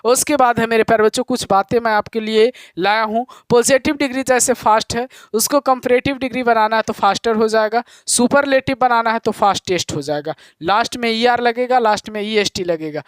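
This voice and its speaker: A male teacher giving a grammar lesson, explaining slowly and repeating key points to his students. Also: very high-pitched, clean tone, dry recording. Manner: calls students "my dear children".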